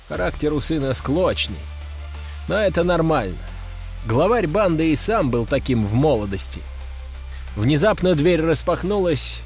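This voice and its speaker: Higher-voiced male audiobook narrator. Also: a little mellow. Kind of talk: scripted narration. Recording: dry close studio sound, faint music.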